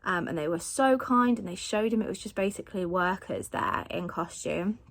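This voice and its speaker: A woman's voice: mid-range voice, moderate pace, vocal fry. A woman, chatting casually to camera in a rambling way with lots of fillers, recorded as a phone video held at arm's length. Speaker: family vlogger.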